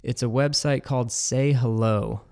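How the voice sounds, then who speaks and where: A man's voice: mid-range voice, steady tone, moderate pace, vocal fry, darkish tone. A man hosting a podcast, talking through a topic in a casual, explanatory way with frequent fillers.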